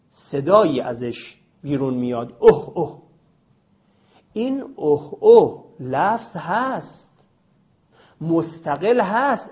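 A man teaching Arabic grammar in a classroom lecture, stressing key terms by repeating them slowly. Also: on the high side, a little mellow, highs cut off.

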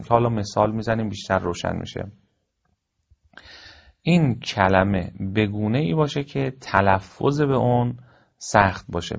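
A man teaching a formal lecture, explaining point by point in a measured way with frequent pauses. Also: on the low side, gravelly. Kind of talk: recorded classroom lecture. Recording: dull lo-fi recording.

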